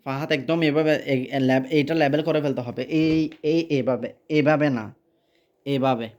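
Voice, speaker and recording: A man teaching recitation and prayer one-on-one, patiently correcting his pupil and repeating phrases slowly. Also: mid-range voice, steady tone, a little mellow, highs cut off.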